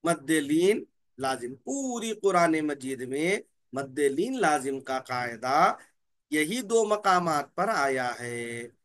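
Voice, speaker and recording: Bright-voiced man teaching slowly. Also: fairly high pitch, animated. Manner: repeats key terms, asks and answers his own questions; drawls out letter names slowly. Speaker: Quran recitation teacher. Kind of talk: slow explanatory lesson.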